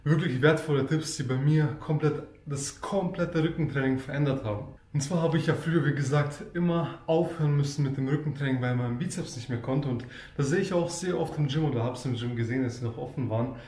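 Fitness coach, male, slightly high voice, instructive and repetitive, roomy home gym sound. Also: fairly quick, hardly any pauses, a little mellow. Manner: explanatory, repeats key points. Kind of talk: home gym workout tutorial.

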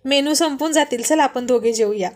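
Greedy always-hungry young man, joking, eager, a little high, put on by a woman. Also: normal speed, natural voice.

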